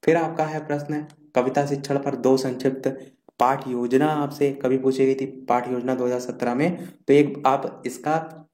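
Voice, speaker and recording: A man's voice: mid-range voice, steady tone, normal speed, a little mellow. A man teaching an exam revision lesson, steadily listing and explaining points one after another while scrolling through notes. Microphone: screen-recorded voice-over. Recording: echoey room.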